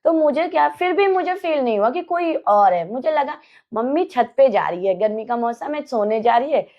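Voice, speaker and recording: A young woman telling a ghost story in a casual, animated way, acting out scenes as she goes. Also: high-pitched, moderate pace, highs cut off. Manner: animated, acts out scenes and quotes.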